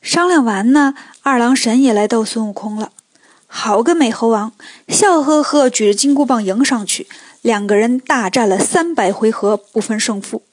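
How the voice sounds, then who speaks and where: A woman storyteller narrating a children's tale in a lively, colloquial way with joking asides. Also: a little high, moderate pace, dry recording.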